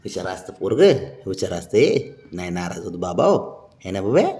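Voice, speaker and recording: A man at home talking baby talk to his pet cat, coaxing and pleading in a high sing-song voice, recorded on a phone. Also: sing-song, moderate pace, mellow, echoey room. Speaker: cat owner. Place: home, indoors.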